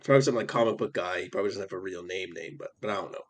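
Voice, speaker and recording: A man's voice: low-pitched, over a noisy crowd. A man on a casual podcast, rambling eagerly about a show he knows well. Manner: quick, rambling, fan-knowledgeable.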